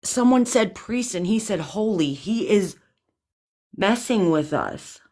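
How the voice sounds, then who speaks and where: A woman's voice: medium pitch, lively intonation, slow, a little mellow. A woman hosting a live paranormal investigation, sounding exhausted and drained, talking anxiously in rambling restarts. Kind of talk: live-stream chat.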